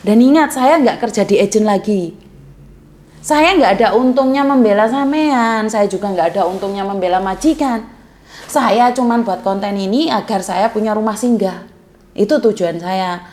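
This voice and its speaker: A woman's voice: mid-range voice, moderate pace, darkish tone. A woman with a Javanese accent speaking defensively and pleadingly to her viewers, repeating herself as she explains. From Indonesia. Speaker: content creator addressing viewers. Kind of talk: emotional monologue to camera.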